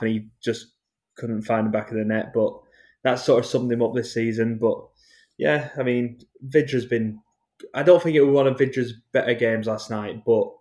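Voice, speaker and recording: A man, a guest on a football podcast, giving measured analysis. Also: mid-range voice. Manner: measured, even-toned analysis. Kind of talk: casual football podcast chat.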